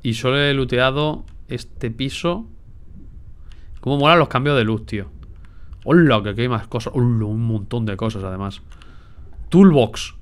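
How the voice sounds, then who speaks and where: Swearing, excitable gameplay streamer man. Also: medium pitch, normal speed, long pauses, smooth. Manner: excitable, swears a lot, talks to himself. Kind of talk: casual gameplay commentary.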